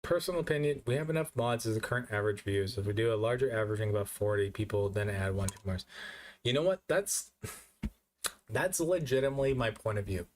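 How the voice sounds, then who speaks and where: A man's voice: fairly low pitch, fast talker, slight background noise. Tipsy man rambling on a live stream. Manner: loose, rambling, repeats himself. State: drunk. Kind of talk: casual live-stream chat.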